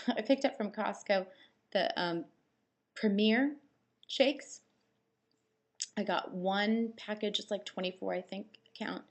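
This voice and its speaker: A woman's voice: medium pitch, slow, pauses often. A woman with a dry mouth, recovering after surgery, chatting casually to camera in a rambling, anecdotal way. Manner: rambling, anecdotal, acts out quoted exchanges. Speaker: vlogger. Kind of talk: casual chat to camera, personal storytelling.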